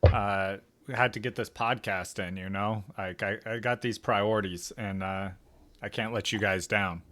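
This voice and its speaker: Laid-back joking man, fairly low voice. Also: measured pace. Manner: relaxed, laughs often, jokey. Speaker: podcast co-host. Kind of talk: casual fantasy football chat. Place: at work on lunch break.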